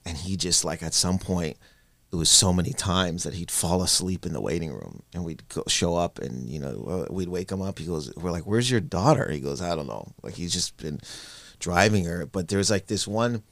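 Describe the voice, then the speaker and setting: A man in his forties from Canada talks in a casual podcast conversation. His voice is low with a gravelly, creaky edge. He tells stories animatedly and slips into the voices of his relatives, recorded dry and close on a studio mic. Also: moderate pace, no room sound. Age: 40s. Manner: animated storyteller who acts out family members' lines. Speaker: guest comedian.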